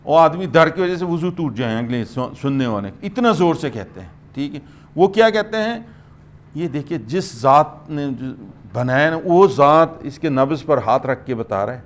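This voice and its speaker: A middle-aged man delivers a scripture commentary to a gathered audience. His voice sits a little high for a man, and he speaks with emphasis, stopping often to check in with his listeners before pressing on. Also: lively intonation. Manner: emphatic, asks "hm?" and "theek hai" to the listeners. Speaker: mufti giving Quran commentary. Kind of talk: lecture-style Quran commentary to a gathering.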